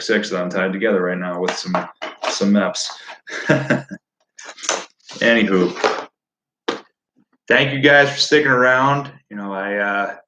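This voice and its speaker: A man's voice: lowish voice, roomy sound, background noise. A man hosting a fishing channel live stream, chatting casually in a rambling, easygoing way with lots of fillers. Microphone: no lapel mic.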